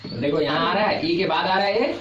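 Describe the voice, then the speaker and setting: A man's voice: sits high, fairly quick, highs cut off. Male teacher questioning a class. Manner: repeats points and keeps asking the class questions. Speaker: English teacher. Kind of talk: classroom lesson. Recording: echoey classroom from far off, noisy.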